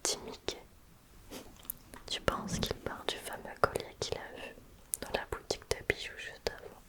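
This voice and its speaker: Woman, whispered ASMR story reading, quiet night-time hush, soothing, gentle child-directed delivery. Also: unhurried. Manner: gentle asides to the listener, as if to a child.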